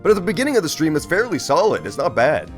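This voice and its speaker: Animated man chatting on a game stream. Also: a little high, fast talker, soft background music. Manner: playful, profane, rambling. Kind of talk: casual live-stream chat with gameplay commentary.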